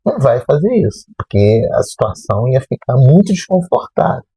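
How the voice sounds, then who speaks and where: A man, a math teacher telling a personal story in a lively way and acting out remembered dialogue. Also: medium pitch, moderate pace, husky, no room sound, low-quality recording. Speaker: math teacher and channel host.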